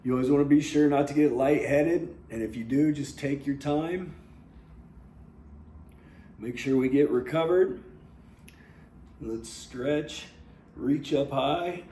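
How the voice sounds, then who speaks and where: With a warm, mid-range voice, this young seated fitness instructor talks slowly and pauses often as he guides a workout. His manner is casual and candid, full of "you know," in a roomy recording carrying faint noise.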